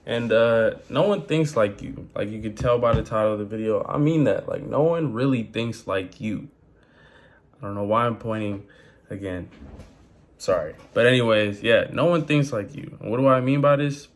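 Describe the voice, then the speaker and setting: Casual young man with a low voice. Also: moderate pace. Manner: rambling, filler-heavy, slangy, animated. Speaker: vlogger. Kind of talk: casual talk to camera.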